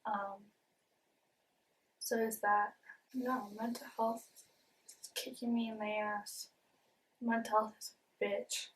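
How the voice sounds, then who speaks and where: Talking casually to camera, a young woman vlogger shares in a confessional way, earnest and open, with a speech impediment that blurs some sounds. She uses many ums and repeats words. Her voice is medium-pitched, and the low-quality recording comes from a distant mic.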